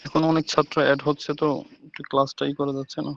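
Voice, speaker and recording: Fast-talking male teacher. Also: a little high, monotone, gravelly, fairly bright tone, lo-fi sound. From Bangladesh. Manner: quick, repeats "ঠিক আছে?" to check students. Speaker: English teacher. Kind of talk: online class teaching. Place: village home. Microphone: phone in an online class.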